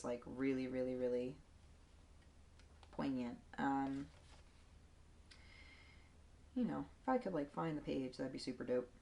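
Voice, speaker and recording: A woman's voice: a bass voice, vocal fry, darkish tone, a little hiss or hum. A young woman giving an earnest, encouraging tarot reading, casual and full of slang, sometimes reading card texts aloud and getting emotional. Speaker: tarot reader.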